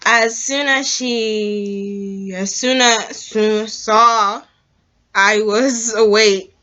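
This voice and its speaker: A woman's voice: medium pitch, steady tone, extremely slow, bright, forceful tone, lo-fi sound. A young woman reading a scary story aloud in a casual vlog, stumbling and restarting as she reads. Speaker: co-host reading scary stories.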